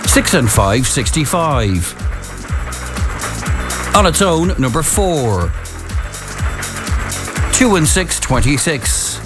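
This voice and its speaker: An Irish man calls bingo on the radio. His voice sits a little high, and he delivers in a deliberate, measured bingo-caller manner. Music plays clearly behind him. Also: big pitch swings. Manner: deliberate, drawn-out number calls. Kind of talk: bingo caller reading out numbers digit by digit.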